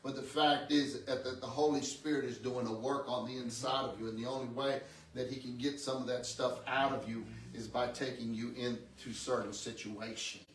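With mid-range pitch, fairly even intonation and a moderate pace, a sixties-aged pastor preaches amid slight background noise. His sermon is conversational and instructive, heavy on repeated words and "amen" or "okay" check-ins, recorded in an echoing room from a distance.

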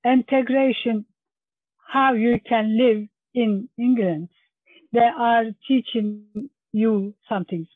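This high-voiced woman from Turkey is being interviewed about learning English, choosing her words carefully in non-native phrasing with a Turkish accent. There's no room sound, though the line is thin and phone-like.

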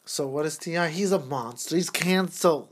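A man's voice: fairly high pitch, normal speed, slight background noise. A man in his thirties co-hosting a casual talk show, speaking in an earnest, preachy, emphatic way. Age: 30s. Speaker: podcast co-host.

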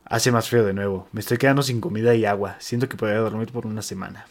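In a casual chat with a friend, a man reads posts aloud in a Mexican accent, restarting now and then and adding slangy remarks. His voice is on the low side and his pace is quick, though his mood stays relaxed.

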